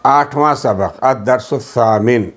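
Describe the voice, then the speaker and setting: Hyderabadi guy teaching a class, says each word then its meaning over and over, throws in english words. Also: medium pitch. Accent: Hyderabadi Urdu. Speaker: Arabic teacher. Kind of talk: classroom lesson.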